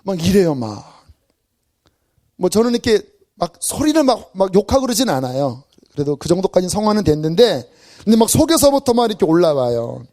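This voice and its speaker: A man's voice: sits high, brisk. A male pastor giving a Friday evening sermon in a church, acting out everyday scenes with self-deprecating humor. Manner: animated, acts out everyday scenes. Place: church sanctuary.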